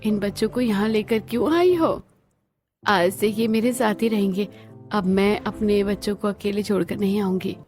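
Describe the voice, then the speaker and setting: Woman doing cartoon family drama lines, mid pitch, bit of soft music behind. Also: normal speed. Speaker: voice actor for several characters. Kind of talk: scripted cartoon dialogue.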